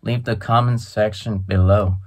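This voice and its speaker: Young guy doing casual vlog commentary, kinda low voice, slow n halting, pauses a lot. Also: fairly even intonation, a little mellow. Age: young adult. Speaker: sports video creator. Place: small indoor room with coats on a rack.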